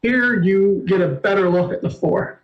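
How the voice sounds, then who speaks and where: A man narrating a tabletop game as storyteller, halting, with many fillers and restarts. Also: high voice, muffled recording.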